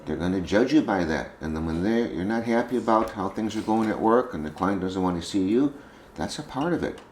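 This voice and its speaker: Man, very low voice, folksy lecture, echoey room. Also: expressive, a little fast, a little mellow, a little hiss or hum. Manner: folksy, conversational, repeats points. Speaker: veterinary lecturer. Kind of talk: informal classroom lecture. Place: conference room with students. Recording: echoey room with faint ambience.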